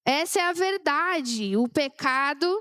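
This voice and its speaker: A woman's voice: sits high, animated, unhurried, sharp tone, dry recording, studio quality. A young woman preaching a sermon, chatty and sharing personal stories with the congregation.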